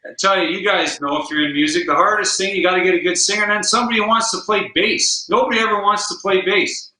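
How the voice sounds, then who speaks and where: A man's voice: high voice, quick pace, bright, forceful tone. A man guest-hosting a podcast, chatting casually and easily with fillers. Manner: easygoing, rambling with fillers. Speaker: guest host and guitar player. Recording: roomy echo.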